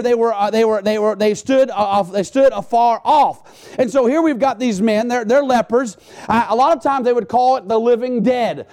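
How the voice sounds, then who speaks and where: High-voiced man preaching a sermon. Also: a little mellow. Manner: repetitive, halting restarts. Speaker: pastor.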